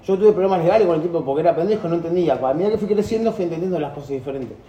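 A high-voiced man with a Rioplatense accent, speaking fast in a mellow tone. He tells a personal story in a group talk, earnest and rambling, with many restarts. The room is echoey and has faint background noise. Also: muffled recording. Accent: Rioplatense Spanish.

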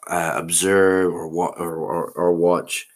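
A man in his forties hosts a solo podcast, rambling aloud in a meandering monologue and often losing his thread. His voice is low-pitched and level, and he speaks slowly.

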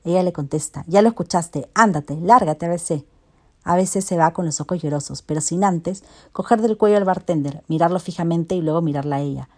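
A woman's voice: on the low side, a little fast, mellow. A woman telling a dramatic love story, moving between narrator and first person.

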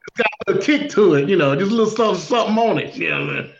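A man's voice: high-pitched, lively intonation, very fast, vocal fry. A man co-hosting a talk show with casual, chatty banter. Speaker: co-host. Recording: roomy, dull lo-fi sound.

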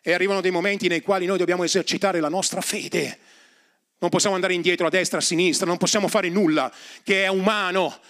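A man preaching a sermon as pastor, moving from hushed, intimate lines to rising, emphatic refrains. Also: high-pitched, fairly even intonation, quick pace. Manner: repetitive, building refrains. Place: church.

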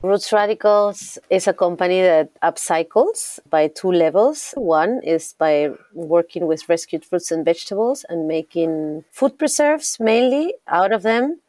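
A woman's voice: on the low side, lively intonation, a little slow, hardly any pauses, warm tone, dry recording. A woman from Peru, a chef and company founder, earnestly explaining her work as an interview guest. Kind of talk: interview answer.

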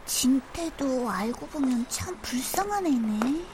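Teasing schoolgirl daughter, radio drama, very high voice. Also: animated, slow, noisy background. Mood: cheeky. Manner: cheeky, teasing. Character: sharp-tongued schoolgirl daughter.

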